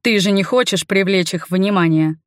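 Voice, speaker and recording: A woman voicing a stern, burly male monster hunter in an audiobook, giving short, low commands. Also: normal speed, no room sound, clean studio sound, lightly acted. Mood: curt stern. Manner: curt, low commanding orders. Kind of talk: audiobook character voice.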